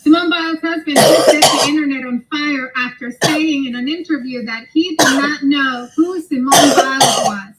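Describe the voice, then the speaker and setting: A woman's voice: high voice, normal speed, hardly any pauses, heavy background noise. A woman delivering composed social media commentary in an articulate, firm and judgmental way.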